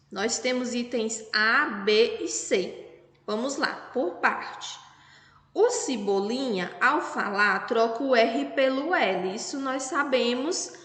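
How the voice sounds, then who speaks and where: A Brazilian Portuguese woman teaching young children a lesson, talking slowly and patiently and spelling words out syllable by syllable. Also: on the high side, a bit bright. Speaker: primary school teacher. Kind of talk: recorded remote class lesson. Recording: echoey room with long reverb.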